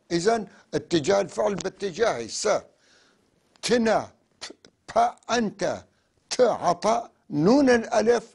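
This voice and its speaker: A man's voice: on the high side, gravelly, a little mellow, breathy edge. A man teaching a language lesson, repeating each word and breaking it into parts. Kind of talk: slow explanatory lesson, repeating words.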